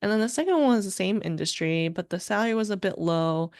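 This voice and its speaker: A woman's voice: medium pitch, animated, quick pace, darkish tone, no echo, studio quality. A woman hosting her own podcast as a life coach, telling her story in an upbeat, conversational way and laughing often. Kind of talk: solo podcast, casual storytelling.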